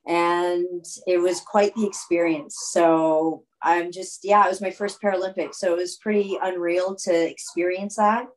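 A woman in her thirties from California, a guest on a video call interview, talking in a relaxed, rambling way. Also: fairly low pitch, measured pace, few pauses, poor audio. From California, United States. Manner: relaxed, rambling, with fillers and restarts. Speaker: guest, athlete. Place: home room.

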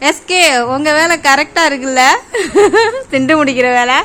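A woman's voice: high voice, normal speed, noisy background. A woman vlogging about her cats, chatting to viewers and coaxing her pets in a teasing, baby-talk way. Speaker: cat-owner vlogger. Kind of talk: casual chat to camera and pets. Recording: music playing under the voice. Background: background music.

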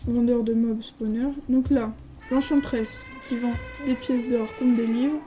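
A woman's voice: on the high side, fairly even intonation, measured pace, dark tone, soft background music, poor audio. A French woman giving a casual, hesitant commentary while touring a game server, reading signs aloud with lots of filler sounds. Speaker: gaming video creator.

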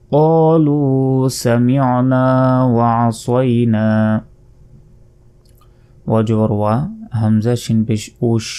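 A man with a Bangladeshi Bengali accent teaching Quran recitation, patiently spelling out each letter and drawing the words out slowly. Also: fairly low pitch, warm tone, smooth.

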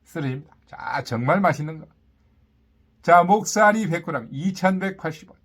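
A man with a slightly high voice delivers a live market vendor's sales pitch. He calls out items and prices in short, punchy phrases, repeating them and tossing in boastful catchphrases to sell the deal. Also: animated, normal speed, a bit bright. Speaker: market vendor announcing produce and meat prices. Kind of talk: live sales patter, calling out prices and specials.

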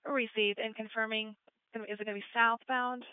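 A woman's voice: on the high side, flat delivery, normal speed, smooth, dry recording. A woman working as an emergency dispatcher, speaking in a clipped, procedural way over a two-way radio. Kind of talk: fire department radio dispatch traffic. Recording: narrow, phone-like radio scanner audio.

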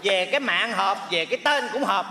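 Brief: man as a wordplay-loving male fortune teller, high, bright voice, on an echoey stage. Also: animated, a little fast, vocal fry, slight background noise, heavily acted. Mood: persuasive. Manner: persuasive, wordplay-heavy, stammering when flustered. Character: fast-talking male fortune teller matchmaker. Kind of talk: stage comedy sketch.

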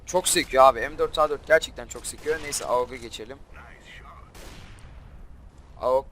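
A young man talks over his own gameplay at a middle pitch, the voice of a channel host chatting to viewers. He gets frustrated fast and breaks into exasperated shouts. A light noise sits under the recording. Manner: frustrated, quick to flare up and shout at the game. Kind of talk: gameplay commentary.

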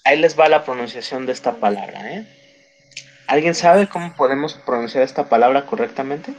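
A man's voice: medium pitch, a little fast, rough recording. Patient man teaching an English class. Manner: encouraging, corrects pronunciation patiently.

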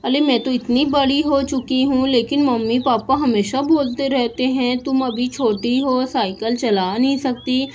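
A woman's voice: high-pitched, measured pace, hardly any pauses, highs cut off, a little hiss or hum. A woman voicing an eager little girl who chatters to herself in a doll story. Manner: chatty, excited, talking to herself.

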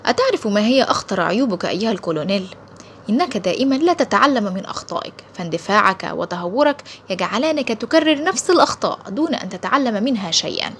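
A woman's voice: fairly high pitch, expressive, fast, a little hiss or hum, lightly acted. A woman voicing a composed male secret agent who lectures his captor in a cool, cutting manner in an audiobook. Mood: cool, taunting. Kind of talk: audiobook character voice.

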